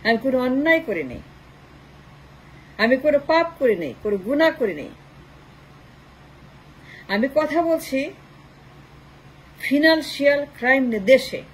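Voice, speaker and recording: A woman with a high, bright-pitched voice delivers an impassioned political commentary. She hammers her points through long rhetorical lists of short phrases. She mixes English phrases into her speech. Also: slight background noise, low-quality recording.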